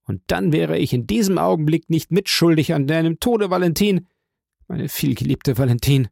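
A passionate young man with a raised, strained voice, pressing his accusation over and over, as a male narrator puts him on. The tone is gravelly and dry. It is an audiobook figure, loud and insistent. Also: a little high, lively intonation, moderate pace, no room sound, pitched above the performer's own voice. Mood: vowing. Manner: fervent, insistent repetition.

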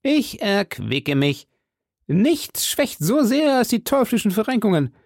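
A man reading an audiobook voices a boisterous, hearty nobleman with a big appetite, speaking jovially and raising his voice high. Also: very animated, moderate pace, darkish tone, slightly rough, no echo, studio quality, exaggerated voice. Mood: jovial boasting. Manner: booming, raised high, jovial.

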